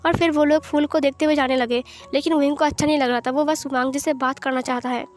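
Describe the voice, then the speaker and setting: A woman's voice: high voice, fairly even intonation, quick pace, soft background music. A woman storyteller narrating a fan fiction story in a plain, conversational reading style.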